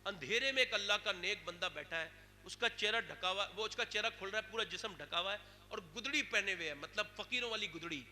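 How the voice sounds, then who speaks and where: A man preaching an impassioned storytelling sermon at a religious gathering, his voice rising to loud emotional pleas. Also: high-pitched, lively intonation. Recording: reverberant hall sound with faint noise.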